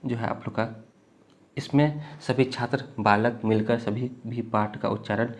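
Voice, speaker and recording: A man's voice: mid-range voice, steady tone. Unwell male teacher, patient and repetitive exam-prep delivery. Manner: repetitive, explains slowly with frequent "thik hai" checks. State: unwell, coughing.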